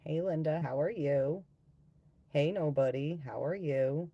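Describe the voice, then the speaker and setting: A man with a gravelly, smoker-like voice hosting a casual live stream, talking bluntly to viewers and swearing freely. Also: fairly high pitch, measured pace, lo-fi sound. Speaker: live stream host and tarot reader.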